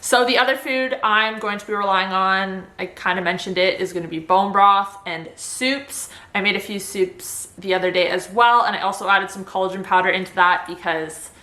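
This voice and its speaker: A woman's voice: mid-range voice, steady tone, normal speed, hardly any pauses, bright, forceful tone. A woman vlogger chatting casually to camera in an informal, upbeat way. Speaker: vlogger sharing surgery recovery tips. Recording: roomy indoor echo.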